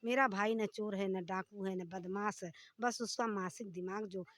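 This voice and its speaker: A woman's voice: mid-range voice, steady tone, moderate pace, fairly bright tone, no echo. A woman interviewed outdoors by her family's demolished house, giving a long, distressed, pleading account in a news interview.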